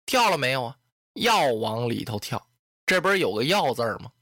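Storyteller, animated, bright voice, spoken sound effects, dry close sound. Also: mid-range voice, moderate pace, dry recording. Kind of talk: traditional storytelling.

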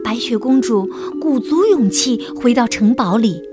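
A woman reading a children's story aloud in a gentle, slow and expressive way. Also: a little high. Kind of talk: scripted children's story narration. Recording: narration over loud music.

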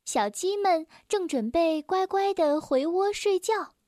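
Woman reading bedtime stories to kids, high and unhurried, gentle, close dry mic. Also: expressive, no echo. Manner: gentle, slow, clear storytelling voice. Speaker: children's story reader. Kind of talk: reading a children's story aloud.

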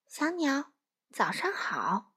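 A woman voicing a timid young frog who has lost his voice, speaking softly and with worry. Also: high voice, huge pitch swings, slow, voice pushed up, exaggerated voice. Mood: puzzled. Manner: soft and worried.

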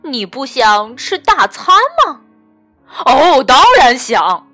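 A woman voicing a fierce, greedy snapping turtle who growls loudly and is easily fooled, in a storybook tale. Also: high-pitched, very animated, takes it slowly, faint music behind, heavily acted.

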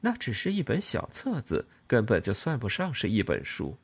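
A man's voice: medium pitch, wildly swooping pitch, moderate pace, breathy edge, exaggerated voice. A man voicing a haughty, cold older mother-in-law in an audiobook. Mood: indignant.

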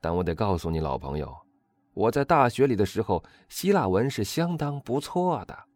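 A vain, excitable young gentleman chatters loudly and brags, as played by a man narrating the book. His voice sits high and leaps about with enthusiasm. Recorded dry and close. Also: normal speed, no room sound. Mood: boastful. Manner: loud exuberant high-pitched chatter.

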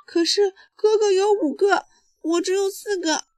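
High whiny little girl bear cub voiced by a woman. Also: steady tone, unhurried, a little mellow, dry recording, clean studio sound. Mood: pleading. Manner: high, whining and pleading.

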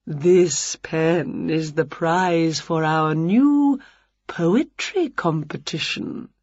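A woman voicing a smarmy male vampire presenter, speaking slow, low and coaxing. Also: darkish tone, slightly rough, no room sound, lo-fi sound, exaggerated voice.

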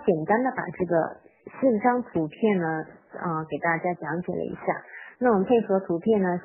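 Woman teaching a nursery rhyme over tinny audio. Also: medium pitch. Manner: explains patiently, reads the English lines slowly and clearly. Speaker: English teacher for parents and toddlers. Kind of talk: recorded phonics lesson on a nursery rhyme.

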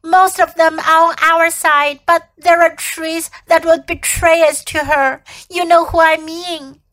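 A woman voicing a wary male beaver who speaks in a hoarse, throaty whisper, urgent and hushed. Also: very high voice, fairly even intonation, unhurried, no room sound, voice pushed up, poor audio.

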